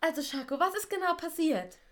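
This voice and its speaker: A woman voicing a busy, caring kindergarten teacher in a children's audio drama, brisk and practical. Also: extremely high pitch, very animated, fairly bright tone, full character voice.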